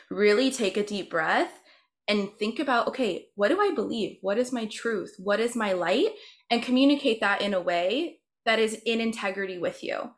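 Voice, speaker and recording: A woman's voice: medium pitch, a bit bright. A woman speaking as a guest in a round table held over a video call. She talks candidly and emphatically, swears casually, and acts out what other people say.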